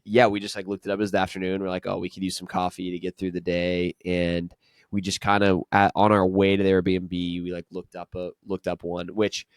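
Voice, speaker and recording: A man's voice: deep voice, completely flat delivery, brisk, clean tone, no echo, clean studio sound. A man hosting a podcast, telling travel stories in a casual, chatty way and laughing often. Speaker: podcast host.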